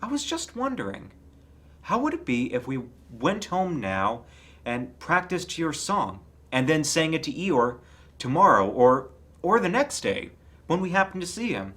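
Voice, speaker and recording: A man's voice: fairly high pitch, sing-song, measured pace, fairly bright tone, pitched above the performer's own voice. A man voicing a small, timid and anxious young piglet in a storybook, hesitant, polite and earnest.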